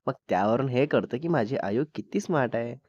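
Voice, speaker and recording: A man doing a gentle young father. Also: medium pitch, brisk, muffled recording, lightly acted. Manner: calm, reassuring explaining. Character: young father, gentle and proud of his daughter.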